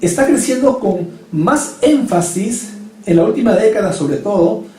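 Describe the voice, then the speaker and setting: A man's voice: sits high, expressive, measured pace, dark tone, a little hiss or hum. A male pastor delivering a sermon, pressing his points with emphatic rhetorical questions. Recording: echoey hall, mic at a distance.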